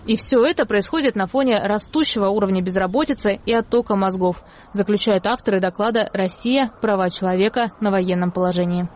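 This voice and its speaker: A woman narrates a news feature in a calm, measured voice-over. Her pitch sits in the middle of the range and the read stays even and scripted from line to line. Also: slight background noise. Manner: even, measured report reading.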